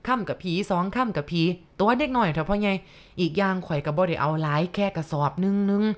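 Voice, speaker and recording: A woman's voice: lowish voice, animated, fast talker, lightly acted. A woman voicing a nervous young village man who pleads politely. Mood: casual.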